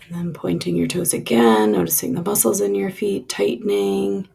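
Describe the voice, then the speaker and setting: At a moderate pace and with lively intonation, a woman with a mid-range, husky, creaky voice leads a guided relaxation meditation. Her soft instructions linger before tapering into breathy releases.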